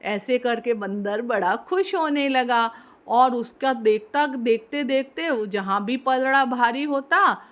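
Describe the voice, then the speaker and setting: A woman narrating a children's fable in a gentle, expressive storytelling manner. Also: sits high.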